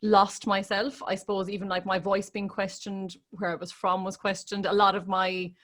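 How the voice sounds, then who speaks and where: An Irish woman gives a candid interview as a singer. She speaks in a reflective, conversational way, questioning herself as she tells her story, with a voice of ordinary middle pitch. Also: flat delivery, normal speed, a bit bright. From Ireland. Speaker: interview guest, classical crossover singer.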